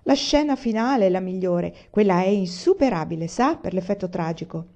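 A woman's voice: fairly low pitch, animated, fairly quick, darkish tone. A woman reading the part of a down-and-out male tragic actor, humble and theatrical, in a lo-fi recording.

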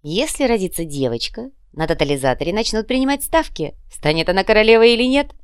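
A woman reading a fantasy audiobook, voicing a fussy, flashy male club manager who is quick to complain. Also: mid-range voice, sing-song, clear, resonant tone, no room sound, clean studio sound, voice pushed up, close to an everyday voice. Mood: boastful.

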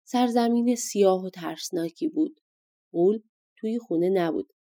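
Mellow-voiced woman reading a fairy tale. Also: mid-range voice, creaky. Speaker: audiobook narrator. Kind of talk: scripted storybook narration.

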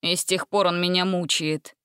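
A gloomy young prisoner who answers in a flat, grim tone, put on by a woman reading a storybook. The voice stays low-key and close to the mic with no room sound. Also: normal speed, smooth, no room sound, lightly acted. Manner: grim, deadpan.

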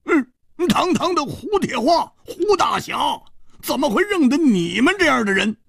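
A man's voice: a little high, huge pitch swings, slow, vocal fry, no room sound, studio quality, pitched above the performer's own voice, heavily acted. A man voicing a proud young swordsman who stammers when flustered, in a radio storytelling performance. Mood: indignant. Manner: stammering, indignant. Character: startled young male swordsman, blunt and proud.

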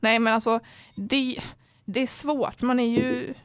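A woman's voice: on the high side, steady tone, clear, resonant tone, no room sound. Young woman chatting on a dry, close mic. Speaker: podcast co-host. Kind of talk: casual chat.

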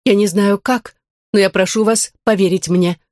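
A woman's voice: medium pitch, steady tone, normal speed, darkish tone, dry recording, natural voice. Woman doing a female android, pleading, urgent, storybook, dry close sound.

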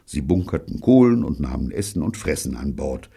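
A man narrates a children's audiobook in a very low, husky voice. His pitch rises and falls a lot, and his delivery stays dry and wry. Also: normal speed. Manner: dry, wry storytelling with lively voiced dialogue. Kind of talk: audiobook reading of a children's novel.

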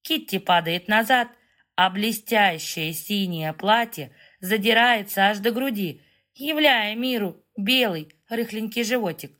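A woman's voice: medium pitch, a little slow, a bit bright. Woman narrating a fantasy story. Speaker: audiobook narrator. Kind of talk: first-person fiction narration.

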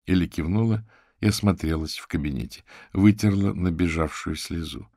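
Steady male audiobook narrator, very low pitch, gravelly. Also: normal speed, no room sound, clean studio sound. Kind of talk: scripted narration.

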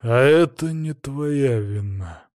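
A man voicing a stern, cold tsar in an audiobook, speaking in a slow, icy, commanding way. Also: mid-range voice, lively intonation, darkish tone, no room sound, studio quality. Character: stern cold tsar, father threatening harsh punishment. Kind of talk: audiobook character acting.

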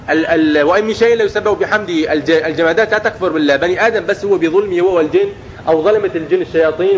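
A man's voice: high-pitched, highs cut off, slight background noise. A man preaching a religious lesson to young people, often asking questions and answering them himself. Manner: acts out everyday speech in quotes.

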